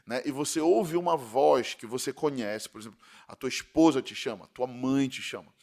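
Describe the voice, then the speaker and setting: A Brazilian man, a pastor, giving a podcast sermon in a conversational style with frequent tag questions, slowing down to stress key words. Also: medium pitch, darkish tone. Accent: Brazilian Portuguese.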